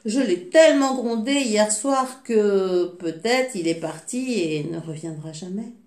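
A woman's voice: mid-range voice, expressive, unhurried, a little mellow, lightly acted. A poor, fretful mother murmurs her worries to herself, read by a woman. An echoey room surrounds the voice. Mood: worried.

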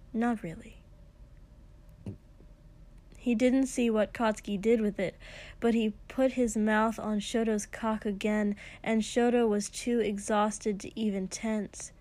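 A woman narrating an intimate story in a slow, hushed, breathy way, sometimes dropping into a whisper. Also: mid-range voice, steady tone. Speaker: audiobook reader. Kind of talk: intimate fan fiction reading.

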